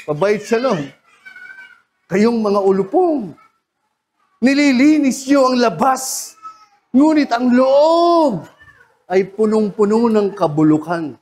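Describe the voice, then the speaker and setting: A man with a Filipino accent preaching a sermon as pastor in a church, swinging from soft passages to loud shouts. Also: very high-pitched, animated, slow, long pauses. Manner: swings from soft to loud shouts, laughs at his own points.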